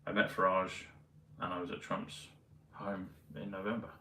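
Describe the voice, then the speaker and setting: A man vlogging in a meandering, hesitant casual monologue full of pauses and fillers. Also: low-pitched, flat delivery, sharp tone, slight background noise. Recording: roomy, mic at a distance, faint ambience.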